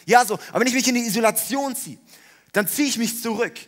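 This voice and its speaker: A man preaching a sermon, animated, swinging between loud emphatic lines and quiet ones. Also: very high-pitched, fast talker. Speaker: pastor.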